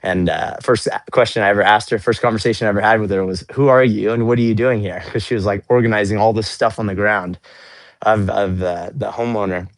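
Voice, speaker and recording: Earnest low-voiced man livestreaming outdoors. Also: steady tone, brisk, no room sound. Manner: earnest, upbeat, repeats words often. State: cooling off after a workout. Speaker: livestream host. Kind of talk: casual faith-based motivational livestream. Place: outdoors in the snow.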